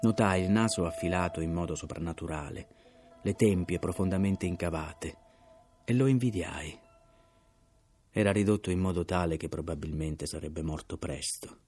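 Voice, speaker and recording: A man reading a novel aloud in measured literary narration, his voice sinking softly at the ends of phrases. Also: low-pitched, soft background music. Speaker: audiobook reader.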